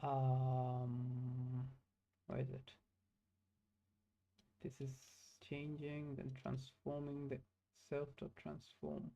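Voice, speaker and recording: Young man, mid-pitched, live-coding and thinking aloud, stop-start delivery full of fillers. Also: completely flat delivery, creaky, mellow, lo-fi sound. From Bangladesh. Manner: halting, self-correcting, many fillers.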